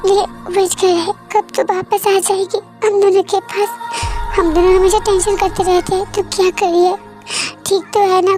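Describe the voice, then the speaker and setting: Woman reading emotional worried dad, fan audio drama, very high voice, faint music. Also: a little mellow. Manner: fretful, emotional. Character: doting, tearful middle-aged father.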